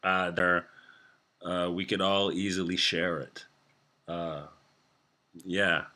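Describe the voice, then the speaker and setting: A man hosting a podcast interview, talking in a relaxed, chatty way from his kitchen. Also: deep voice, slow. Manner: relaxed, chatty, laughs easily. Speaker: podcast host. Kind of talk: casual interview chat.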